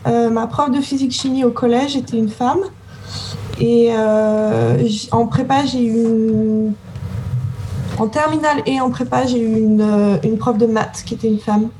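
A woman's voice: on the high side, steady tone, a little slow, warm tone, a little hiss or hum, low-quality recording. A woman in her thirties answering interview questions as a scientist, hesitant and often searching for words. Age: 30s.

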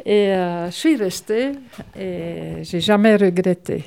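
An older woman, a great-grandmother, recalling her past in a halting, wry way. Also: lowish voice, gravelly, darkish tone, slight background noise. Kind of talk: personal recollection for a documentary.

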